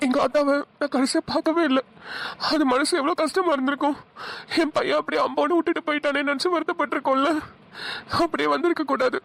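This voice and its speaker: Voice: mid-range voice, fairly even intonation, fast, fairly bright tone, lightly acted. A voice actor playing a caring young village husband in a cartoon, speaking in a coaxing, reassuring way. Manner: coaxing, reassuring, rustic address. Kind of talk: cartoon voice acting.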